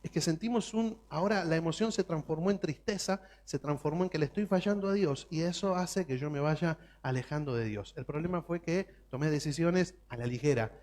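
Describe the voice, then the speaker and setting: A man's voice: a little high, fairly quick, few pauses, a little mellow. A man preaching a sermon as pastor, emphatic and full of rhetorical questions.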